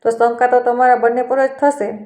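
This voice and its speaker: A woman's voice: on the high side, flat delivery, moderate pace, roomy sound, soft background music, natural voice. A woman voicing a cruel, haughty young daughter-in-law who speaks with scorn. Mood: scornful. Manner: scornful, sharp-tongued.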